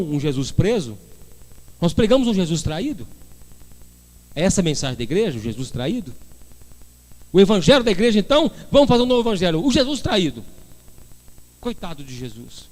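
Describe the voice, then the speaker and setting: A man's voice: fairly high pitch, a little mellow. A male pastor preaching a sermon, firing rhetorical questions and rising into fervent bursts.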